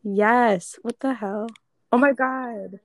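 A woman's voice: fairly high pitch, slow, no echo. A young woman with a Long Island accent hosting a casual fan quiz, chatty and giggly, full of "like.". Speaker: host. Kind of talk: casual chat, quiz game.

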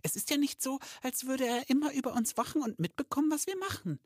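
A man voicing a worried young female Christmas elf in a very high, pleading voice, reading a storybook aloud. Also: animated, fast, no echo, clean studio sound, heavily acted.

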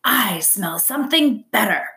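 A woman voicing an eager, hungry male fox who talks in a high, pleading, wheedling way. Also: lively intonation, a little slow, bright, forceful tone, exaggerated voice.

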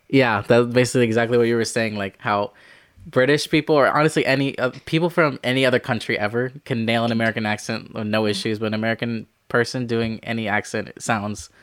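A man's voice: medium pitch, fairly even intonation, brisk, smooth, dry recording, clean studio sound. A man in his twenties co-hosting a casual movie podcast, rambling with lots of fillers while reading out film facts. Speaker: podcast co-host. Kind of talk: casual chat.

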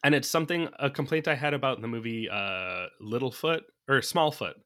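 Co-hosting a podcast, a man chats casually about a movie, thinking aloud from his notes and laughing often. He speaks briskly in a mid-range voice with a fairly bright tone.

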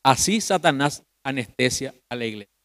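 Pastor preaching, quiet then loud. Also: male voice, medium pitch, lively intonation. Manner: addresses listeners as brother, asks rhetorical questions; swings from loud emphasis to quiet, drawn-out phrases. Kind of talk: youth meeting sermon.

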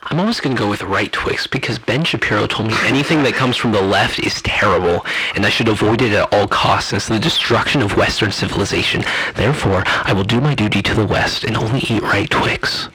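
A man's voice: fairly low pitch, a little fast, bright, forceful tone, breathy edge, full character voice, poor audio. A man voicing a smug young man who parrots a right-wing pundit, with mock-earnest, preachy delivery. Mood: mock-solemn.

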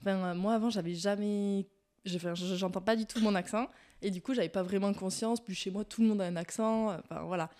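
A woman's voice: mid-range voice, fairly even intonation, fast talker, dark tone, a little hiss or hum. This is a woman in her twenties speaking with a Southern French accent. She is a podcast guest who talks in a loose, chatty way. She tells her stories with a self-mocking touch. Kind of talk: casual podcast chat.

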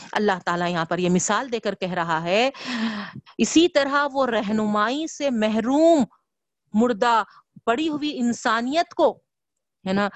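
A woman's voice: mid-range voice, dry recording. A woman giving a Quranic commentary lecture, stuffing her speech with a constant tag filler and asking emphatic rhetorical questions. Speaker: religious teacher.

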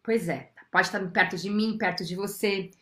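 A woman's voice: medium pitch, fairly even intonation, moderate pace. A woman with a Brazilian accent reading a children's book aloud as a storyteller, talking directly to the children and asking them questions. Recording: roomy sound with faint ukulele.

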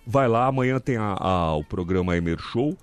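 A man's voice: lowish voice, animated, normal speed, clean tone, dry recording. A man co-hosting a radio show, teasing and clowning, often stumbling over his words. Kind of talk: playful radio banter.

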